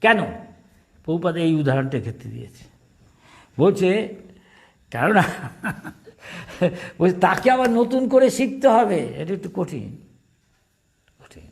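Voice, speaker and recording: Male monk lecturer, high voice, informal storytelling sermon with a teasing touch. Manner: chatty and teasing, calls on listeners by name; searches aloud for words. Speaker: monk giving a devotional class. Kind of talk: informal sermon with folksy stories.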